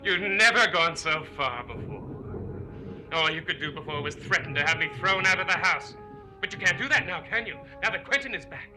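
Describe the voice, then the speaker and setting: Casting: male actor for bitter, taunting uncle in serial melodrama, silky menace, higher voice with wide swings, music underneath. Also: lively intonation, fairly quick, close to an everyday voice, poor audio. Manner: silky menace, mocking and theatrical. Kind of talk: melodramatic television serial acting. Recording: loud dramatic music behind dialogue.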